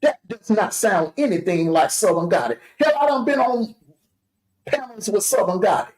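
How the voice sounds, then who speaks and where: A man's voice: high-pitched, expressive, moderate pace, darkish tone. Male streamer host, mocking rant, voice leaps up and down, echoey room. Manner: taunting, jeering, with scornful laughs. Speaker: livestream host.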